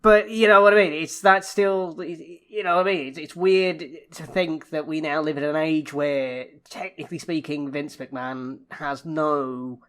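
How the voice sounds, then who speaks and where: A man's voice: a little high, fairly even intonation, unhurried, hardly any pauses, fairly bright tone, clear, resonant tone. A young man co-hosting a casual podcast chat, rambling through restarts and swearing bluntly. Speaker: podcast co-host.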